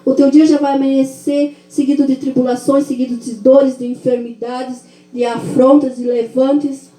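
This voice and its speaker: A woman's voice: high-pitched, level tone, normal speed, warm tone, roomy sound, rough recording. A woman from Brazil giving a sermon testimony in a fervent, repetitive preaching cadence. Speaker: church speaker giving testimony.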